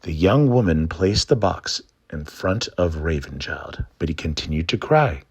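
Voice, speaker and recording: A man with a low, husky voice presents a trickster tale as a storyteller. He takes his time, and his pitch moves in broad, lively swings. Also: a little slow. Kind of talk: scripted folktale narration and explanation.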